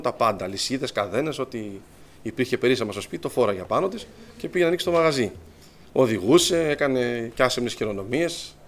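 A man telling his personal testimony to a congregation, lively and storytelling, acting out what others said. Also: medium pitch. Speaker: church member giving testimony.

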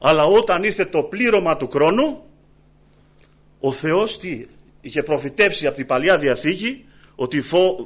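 A man preaching a sermon, building emphatic repeated phrases and dropping low and soft to call the listeners brothers. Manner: preaching with rising, emphatic repetitions and frequent "eh" fillers.

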